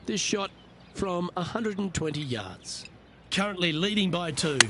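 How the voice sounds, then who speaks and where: A man giving golf commentary as lead announcer, calling each shot in short, measured phrases. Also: high voice, expressive. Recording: crowd and outdoor noise behind.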